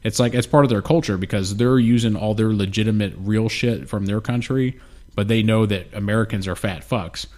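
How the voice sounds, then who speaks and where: A man's voice: fairly low pitch, fairly quick, darkish tone. A man co-hosting a podcast in casual, profane, rambling chat, sounding a little snotty and nasal, close on a studio mic. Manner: laid-back, profane, rambling. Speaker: podcast co-host. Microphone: studio mic with headphones.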